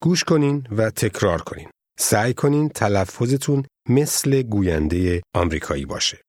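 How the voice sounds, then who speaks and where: A man with a fairly low voice narrates a language course in a measured, formal way. The sound is dry and close, with no room around it. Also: expressive, darkish tone, dry recording. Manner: measured, formal teaching delivery. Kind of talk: scripted instructional narration.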